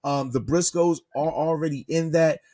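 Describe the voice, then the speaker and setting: A man's voice: fairly high pitch, fairly even intonation, normal speed, mellow, no room sound. Emphatic man, dry close sound. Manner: emphatic, cursing. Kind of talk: casual wrestling opinion.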